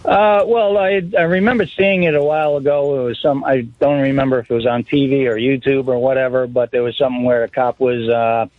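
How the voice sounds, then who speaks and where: A man's voice: mid-range voice, steady tone, fairly quick, hardly any pauses, no echo. A man calling in to a radio show over the phone, chatting casually and hesitating with many uhs and ums. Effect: heard over a phone line. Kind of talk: casual call-in chat. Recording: tinny dry phone line.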